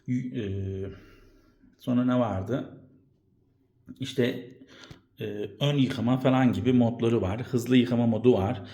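A man giving a casual, halting step-by-step household demonstration in speech, his voice ringing with echo in a bare room at home. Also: medium pitch, steady tone, dark tone. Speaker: home appliance vlogger. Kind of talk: casual explainer to camera. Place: indoors at home, room without carpets.

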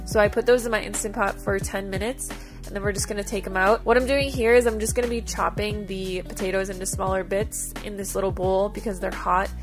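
A woman's voice: mid-range voice, steady tone, a little fast. A woman giving a chatty, upbeat voice-over for a cooking vlog, explaining each step in a casual way. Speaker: vlogger. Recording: music playing behind. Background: background music.

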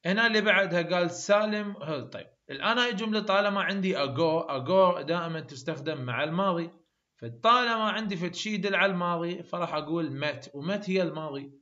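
A man's voice: high-pitched, quick pace, sharp tone, dull audio. A man with an Iraqi Arabic accent teaching an English exam lesson, asking questions and answering them himself. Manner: explains by asking and answering his own questions.

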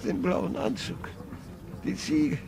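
In a 1950s-style radio drama, a male actor plays a very old grandfather who is restless and fearful, delivering his lines slowly and haltingly. The older-sounding voice is creaky, the mood wistful, and the acting kept light.

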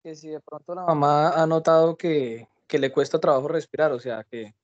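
A man's voice: a little high, steady tone, moderate pace, lo-fi sound. A young man, answering his teacher in an online class and explaining carefully with many restarts. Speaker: medical student. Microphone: computer mic on a video call.

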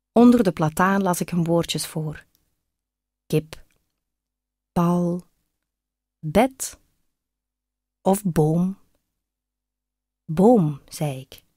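A woman reading a first-person story aloud in a measured, reflective way. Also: fairly low pitch, darkish tone, dry recording, studio quality. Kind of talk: audiobook reading.

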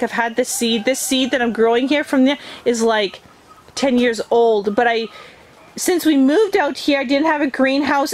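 Middle-aged woman, eager garden vlogger, slightly high voice, handheld camera outdoors. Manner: enthusiastic, chatty, gets excited about plants. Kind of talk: casual garden tour. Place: outdoors, greenhouse and yard.

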